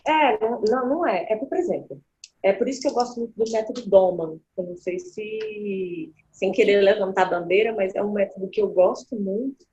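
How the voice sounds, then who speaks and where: A woman speaking as a guest, explaining child development in animated conversation and acting out the voices she quotes. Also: mid-range voice, fairly quick, slight background noise. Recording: dull lo-fi sound.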